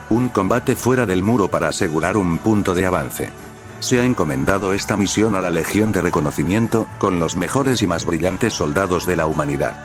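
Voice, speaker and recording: A man reads a fan story aloud in a low, plain, even voice. Soft music plays faintly under his narration. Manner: plain, even reading with speaker tags. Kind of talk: reading a fan fiction aloud.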